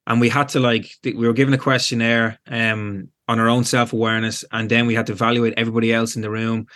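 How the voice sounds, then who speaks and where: A man's voice: mid-range voice, little pitch movement, fast talker, fairly bright tone. A man in his forties with an Irish accent, a guest chatting casually in a rambling way, full of fillers. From Ireland. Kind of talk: casual chat.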